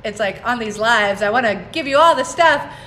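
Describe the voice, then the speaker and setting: Chatty woman in her forties, bright voice. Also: on the high side, expressive, normal speed, slight background noise. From United States. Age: 40s. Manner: chatty, laughs often, greets viewers by name. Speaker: herbalist livestream host. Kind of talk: casual livestream chat. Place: home on a mountain, indoors.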